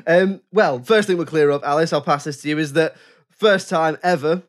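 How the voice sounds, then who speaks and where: A man's voice: fairly high pitch, normal speed. Chatty man hosting a podcast. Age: 30s. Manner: chatty, laughs often. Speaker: podcast host. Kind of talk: casual chat.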